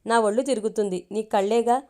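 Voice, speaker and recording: An earnest young man in love who teases back, as a woman narrator reads his lines. The voice is not lowered and stays fairly high, close to the reader's own. It suits a narrated romance for an audio story channel. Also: steady tone, quick pace, darkish tone, natural voice. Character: young man in love, jealous then relieved.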